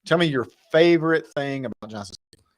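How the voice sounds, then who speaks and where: A man's voice: a little high, lively intonation, fast talker, no room sound, studio quality. A man hosting a podcast, asking friendly questions in casual chat. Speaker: podcast host.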